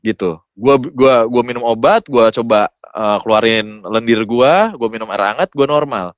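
A man's voice: medium pitch, normal speed, no echo, studio quality. A young adult man with a Jakarta accent, a guest voice-over talent chatting casually and mixing in English words. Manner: colloquial, peppered with English words. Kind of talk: casual podcast chat.

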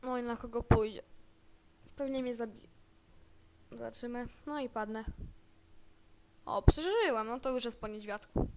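A woman's voice: on the high side, steady tone, moderate pace, pauses often, a little mellow, a little hiss or hum. A woman giving casual gameplay commentary, chatty and thinking aloud as she plays. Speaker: gamer.

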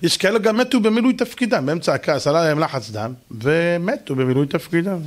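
A man giving a lively sermon to an audience, asking questions and answering them himself, and acting out shouting and calm voices. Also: a little high, slight background noise. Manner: animated, mimics shouting and soft calm voices for effect. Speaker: rabbi giving a Torah lesson.

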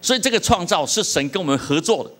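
A middle-aged pastor from Taiwan with a Taiwanese accent, preaching a sermon with humorous stories and questions to the congregation. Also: male voice, high voice, animated, fast talker.

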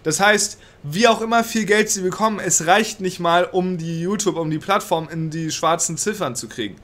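This young political commentator, stuck with a cold in a small room indoors, reads a law aloud and fires off an angry, sweary commentary peppered with English words. His voice is high-pitched and fairly bright, at a normal speed.

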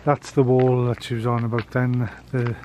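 A travel vlogger tours an old prison building and its grounds, offering casual commentary broken by hesitant, musing asides. His voice is medium-pitched and darkish, with little pitch movement at a normal speed. It's shot on a handheld camera with noticeable background noise.

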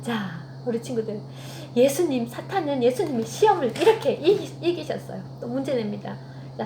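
A woman's voice: on the high side, a little mellow. A woman giving a children's sermon, telling the story with animation and asking the children questions. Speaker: children's ministry teacher. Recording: echoey room with faint hum.

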